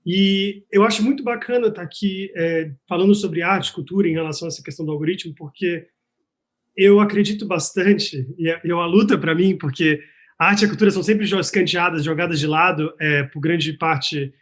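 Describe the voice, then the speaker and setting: Joining a casual online panel by video call, this panelist and researcher from Salvador, Bahia, Brazil talks earnestly in a Bahian Brazilian Portuguese accent. He speaks fairly quickly in a high-pitched voice, hesitating and using fillers.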